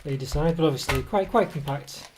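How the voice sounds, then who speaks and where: A food reviewer with a cold casually reviews a snack at an indoor table, his voice slipping in and out. He talks at a quick pace with a voice on the high side, rambling and hesitating through fillers and self-corrections. The table camera mic records a noisy background.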